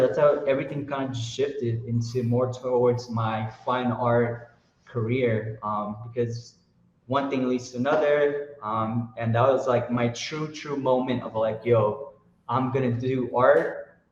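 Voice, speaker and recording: A man telling a story in loose, slang-heavy talk, full of fillers and bursts of excitement. His voice sits in an ordinary middle register. The sound is roomy and a little dull, like a lo-fi recording in an echoey space. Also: mid-range voice. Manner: animated, slangy, lots of fillers. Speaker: guest artist. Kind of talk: casual storytelling interview.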